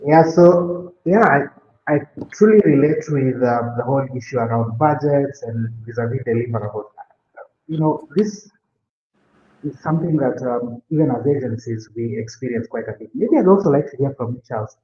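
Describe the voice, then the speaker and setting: A man moderating a panel discussion in measured, hesitant phrases. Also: medium pitch, lively intonation, dark tone. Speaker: panel moderator, agency professional. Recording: echoey room, dull sound, faint noise.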